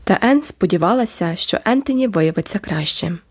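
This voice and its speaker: A woman reading a classic novel aloud as an audiobook narrator, in a measured, expressive way. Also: on the low side, no room sound, studio quality. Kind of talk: scripted literary narration.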